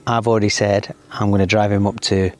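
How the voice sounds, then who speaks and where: Chatty middle-aged man, low-voiced. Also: a little fast. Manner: chatty storyteller, animated when ranting. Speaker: podcast co-host. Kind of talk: casual chat. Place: outdoors in a garden.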